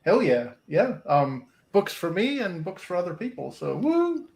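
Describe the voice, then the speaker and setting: Casting: cheerful male guest, slow talk, wildly swinging pitch. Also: very animated, creaky, a little mellow. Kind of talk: casual chat.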